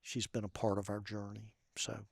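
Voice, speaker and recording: A man, a podcast guest, telling a personal story in a soft, halting way with many pauses and fillers. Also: on the low side, completely flat delivery, gravelly, breathy edge, dry recording, clean studio sound.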